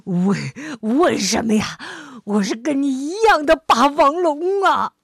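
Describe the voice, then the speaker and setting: A woman's voice: on the high side, big pitch swings, slow pace, gravelly, fairly bright tone, husky, no echo, studio quality, pitched above the performer's own voice, exaggerated voice. A woman voicing an adult male tyrannosaur who speaks in an insistent, emphatic way, in a spoken storybook. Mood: pained.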